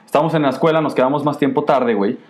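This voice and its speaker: Fast-talking young Mexican man. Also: medium pitch, a little mellow. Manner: fast, slangy storytelling, laughs often. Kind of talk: casual chat.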